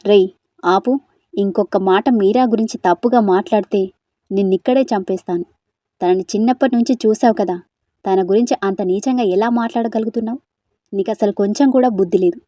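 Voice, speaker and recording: A woman's voice: medium pitch, fairly even intonation, a little fast, warm tone, dry recording, clean studio sound, lightly acted. A woman voicing a protective young man who comforts a frightened girl and stands up to a bully, in an audio story. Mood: angry. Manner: firm, reassuring.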